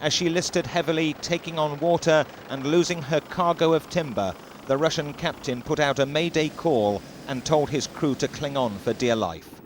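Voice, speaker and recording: A man narrating a news report in a crisp, clipped reporter's style, heard from a worn VHS tape copy. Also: fairly high pitch, moderate pace, slight background noise. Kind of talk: scripted news report voice-over.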